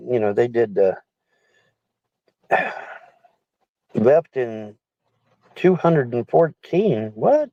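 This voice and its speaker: A man's voice: medium pitch, dark tone, no room sound, highs cut off. A middle-aged man in a car, chatting casually to livestream viewers in a rambling, repetitive way. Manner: rambling, repeats phrases. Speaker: livestreamer reading and answering viewer chat. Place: inside a car.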